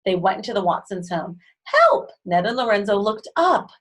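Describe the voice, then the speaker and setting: A woman's voice: medium pitch, quick pace, slightly rough, poor audio. A woman reads a children's storybook aloud. She breaks in now and then with chatty asides of her own. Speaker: reader. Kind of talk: reading a children's book aloud.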